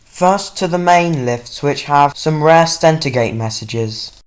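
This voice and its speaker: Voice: mid-range voice, animated, takes it slowly, soft background music. A vlogger giving casual running commentary while touring around. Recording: echoey, noisy lift interiors. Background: lift ambience noise.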